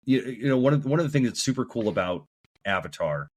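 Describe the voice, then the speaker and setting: A man's voice: mid-range voice, sing-song, quick pace, no echo. A man from the American Midwest co-hosting a casual podcast, laid-back and full of "you know". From Midwest United States. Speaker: podcast co-host. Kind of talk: casual chat.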